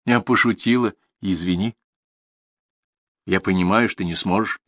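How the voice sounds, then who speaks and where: A man reading a calm matter-of-fact young woman. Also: low voice, unhurried, no room sound, studio quality. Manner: plain, level, shrugging.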